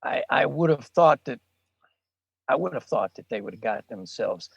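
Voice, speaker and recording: Gravelly husky man, blunt sports takes, lo-fi dry mic. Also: medium pitch, expressive, normal speed, no room sound. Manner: blunt, plainspoken. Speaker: podcast co-host. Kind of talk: casual sports chat.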